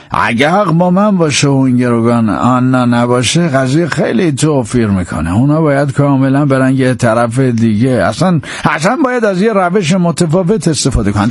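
A man's voice: mid-range voice, dry recording, clean studio sound. A man voicing a male detective who speaks with urgent insistence in an audiobook. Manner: pleading, insistent. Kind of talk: audiobook character voice.

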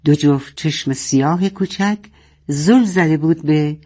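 A woman reading a children's story aloud expressively and speaking fondly to her young listeners. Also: low-pitched.

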